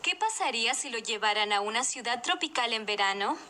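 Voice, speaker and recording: A woman's voice: a little high, animated, brisk, sharp tone, slight background noise. A woman playing a knowledgeable guide who explains nature to a child in a scripted educational video. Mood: patient, explanatory. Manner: explanatory, clearly phrased.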